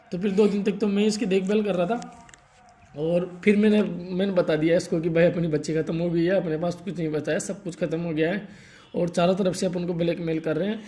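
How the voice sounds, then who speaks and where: A young man telling a painful personal story in a halting, grief-stricken way, stopping often to soothe someone beside him. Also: sits high, warm tone. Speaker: vlogger telling his story.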